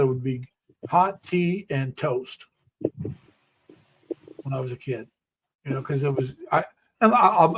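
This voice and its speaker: A man's voice: on the high side, a little hiss or hum, poor audio. An older man co-hosting a live stream, telling rambling stories in casual chat with many restarts.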